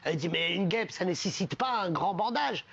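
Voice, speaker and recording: A man's voice: high voice, lively intonation, a little fast, highs cut off, background noise. A man casually telling jokes on a TV panel show, acting out the characters' lines.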